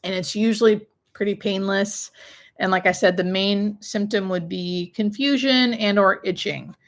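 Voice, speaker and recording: A woman's voice: mid-range voice, fairly even intonation, moderate pace. A woman hospice nurse hosting a live question session, chatting informally and explaining things in plain, conversational terms. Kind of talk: casual live-stream chat answering viewer questions.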